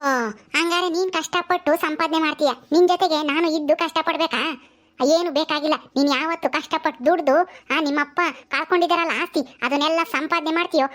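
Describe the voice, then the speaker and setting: A woman's voice: high voice, fairly even intonation, brisk, fairly bright tone. A woman playing a scolding middle-aged village mother. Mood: lecturing. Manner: scolding, exclaiming often.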